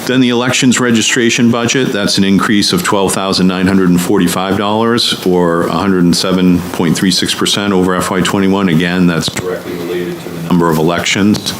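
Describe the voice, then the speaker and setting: A man presenting a town budget in a halting, formal way, with frequent restarts. His microphone keeps cutting out, so his volume rises and drops unevenly. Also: deep voice, steady tone. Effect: uneven volume from a mic that keeps cutting out. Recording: noisy meeting recording over a cutting-out mic.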